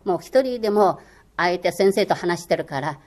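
Answering an interviewer at a moderate pace, an older woman speaks in a lowish, expressive voice that is a little mellow. She was a radio language lecturer and grew up speaking Chinese. Her manner is earnest and encouraging, peppered with hesitant fillers.

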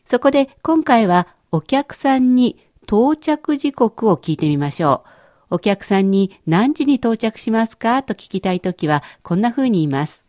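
Woman teacher doing a language lesson, clear and encouraging, dry close sound. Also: fairly high pitch, big pitch swings, a little mellow, no echo. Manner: clear, encouraging, explains slowly.

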